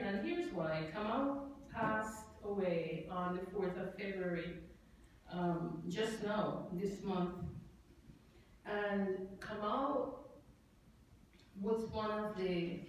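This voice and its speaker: A middle-aged woman with a Jamaican accent speaks slowly and reflectively, pausing and restarting her thoughts. She sounds far from the microphone, caught in a very echoey event hall with a faint murmur of room noise behind her. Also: mid-range voice, a little mellow. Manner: reflective, halting, with many fillers and restarts. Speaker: poet speaking at a tribute event. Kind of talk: unscripted remarks before a reading.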